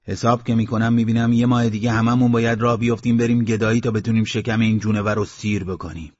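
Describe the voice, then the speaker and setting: A man's voice: on the low side, little pitch movement, darkish tone, close to an everyday voice. A man voicing a shrewd, wise male villager who speaks firmly and with calculation, on a dull lo-fi audiobook recording. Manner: calculating, firm.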